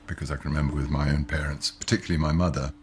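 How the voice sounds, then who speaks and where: An older man, a parent, speaking in a documentary interview in a measured, reflective way. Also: extremely low pitch, steady tone, over loud music.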